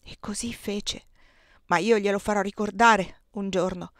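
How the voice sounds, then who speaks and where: A woman's voice: mid-range voice, steady tone, unhurried, fairly bright tone, dry recording, close to an everyday voice. A woman reading the part of an enslaved young husband who speaks grimly and bitterly about his master, in a dry, close audiobook recording. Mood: bitter, indignant.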